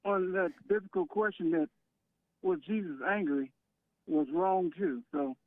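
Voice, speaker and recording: A man from Michigan calling in to a radio show, arguing in a combative, halting and insistent way. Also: high-pitched, no room sound. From Michigan, United States. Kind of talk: live argument as a call-in radio caller. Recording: narrow-band phone line over radio.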